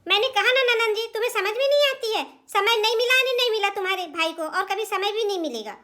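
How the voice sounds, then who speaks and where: Woman doing a rude sister-in-law, curt, dismissive, very high voice, doll drama. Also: animated, fast talker, bright, forceful tone, full character voice.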